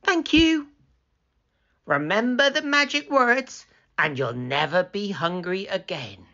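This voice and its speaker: A kindly old woman from a bedtime storybook speaks in a high, sweet, sing-song voice, as a man reading aloud puts her on. Her words swoop up and down and come slowly. The recording sounds a little dull and muffled. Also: expressive, gravelly, pushed and bright, heavily acted. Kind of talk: children's storybook read-aloud.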